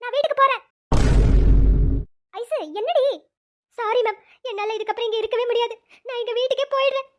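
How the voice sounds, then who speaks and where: A woman's voice: very high-pitched, fairly even intonation, fast, a little hiss or hum. A woman voicing a heartbroken young female student in a cartoon. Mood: tearful. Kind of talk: cartoon voice acting.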